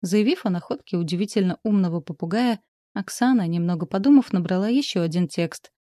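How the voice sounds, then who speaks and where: A woman narrating a story in a steady, even storytelling manner. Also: lowish voice, brisk, dry recording, studio quality.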